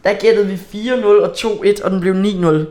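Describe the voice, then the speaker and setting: A man with a notably high-pitched voice. He talks casually, as the host who steers a football prediction conversation. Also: steady tone, a little mellow. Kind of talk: casual chat.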